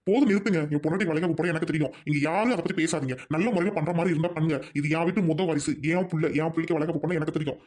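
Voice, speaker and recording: Guy acting as furious young husband, talks super fast, bossy and commanding. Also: fairly high pitch, steady tone, darkish tone, close to an everyday voice. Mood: angry. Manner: rapid, stern, commanding. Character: angry protective young husband. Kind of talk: family radio-play acting.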